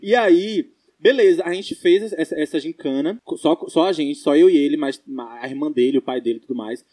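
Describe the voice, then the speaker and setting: Young brazilian guy on a podcast, fast and bouncy, dark mellow voice, laughs a lot. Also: on the high side. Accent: Brazilian Portuguese. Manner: animated, laughing storyteller. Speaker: podcast co-host. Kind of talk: casual storytelling chat.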